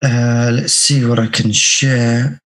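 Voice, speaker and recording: A man with a hoarse, croaky sore-throat voice, teaching an online religious class in a measured, deliberate way. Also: medium pitch, level tone, poor audio. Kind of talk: online class lecture with reading aloud. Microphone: video call.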